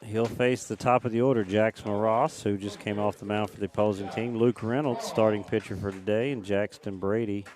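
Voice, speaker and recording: A man calling a high school all-star baseball game play by play, lifting his voice on the big plays. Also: little pitch movement, darkish tone. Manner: brisk, lifts in pitch and volume on big plays. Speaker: play-by-play announcer.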